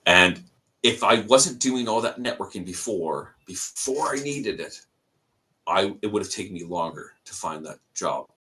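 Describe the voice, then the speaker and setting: Speaking low and unhurried, this young Canadian guest on a podcast relaxes into his story in a Canadian accent. He's animated throughout and performs the voices of the people he quotes.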